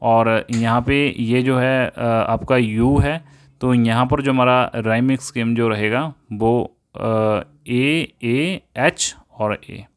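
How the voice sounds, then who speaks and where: A man teaching an English poetry lesson, explaining step by step, often repeating himself and reading quoted lines slowly. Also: medium pitch, steady tone, clear, resonant tone.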